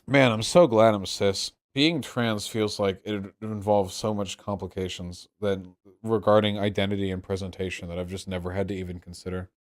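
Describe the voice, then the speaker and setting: A young man with a fairly low voice talks off the cuff to a livestream audience. He sounds drunk and rambles, circling back and restarting phrases as he explains himself. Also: fairly even intonation, moderate pace, hardly any pauses. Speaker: livestream host answering chat. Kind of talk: casual rambling livestream talk.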